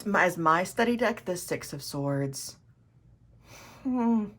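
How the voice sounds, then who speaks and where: A woman with a fairly low, fairly bright voice hosts her tarot video, speaking slowly and animatedly in a casual chat to camera. Her enthusiasm shows as she rambles, often restarting sentences to correct herself.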